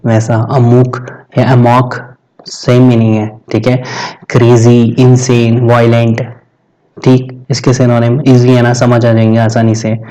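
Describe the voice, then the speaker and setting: A man's voice: mid-range voice, mellow, low-quality recording. An Indian man whose first language is Hindi teaches an exam-prep vocabulary lesson, repeating words and checking in with his students constantly. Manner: repeats and quizzes, frequent "theek hai" check-ins.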